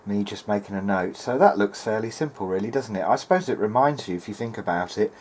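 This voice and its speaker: A lowish, darkish-toned male voice moves fast while its owner hesitantly thinks aloud. He's a hobbyist electronics repairer hosting an informal workbench demonstration indoors. The recording is clear, with background noise from the workshop room.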